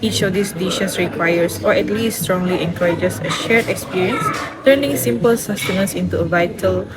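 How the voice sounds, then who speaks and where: A woman's voice: fairly low pitch, moderate pace, loud music behind the voice, low-quality recording. Formal woman narrating a script. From Sarawak, Malaysia. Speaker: student presenter.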